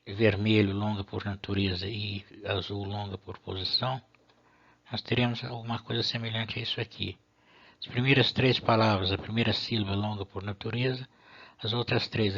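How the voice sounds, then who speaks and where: A man's voice: fairly low pitch, pushed and bright. Methodical man teaching, lo-fi. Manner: patient, methodical, with hesitant restarts. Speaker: Latin teacher. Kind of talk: explanatory video lesson. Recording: dull lo-fi recording.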